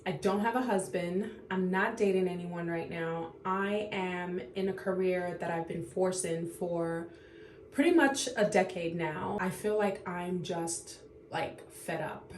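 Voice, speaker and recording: A woman in her thirties talks straight to camera in an unscripted confession, trying not to cry, halting and sighing often. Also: on the low side, roomy sound, slight background noise. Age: 30s. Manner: tearful, halting, full of fillers and sighs. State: on the verge of tears. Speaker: vlogger.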